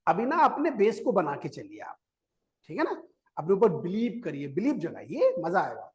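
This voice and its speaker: This male maths teacher's high, slightly mellow voice swoops wildly in pitch as he lectures at a moderate pace. Coaxing his students, he quizzes them constantly, goes over each step again, and tells them to listen before writing.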